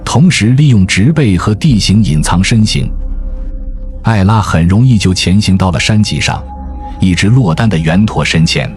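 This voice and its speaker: Low-voiced man narrating a nature documentary. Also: lively intonation, moderate pace, darkish tone. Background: music.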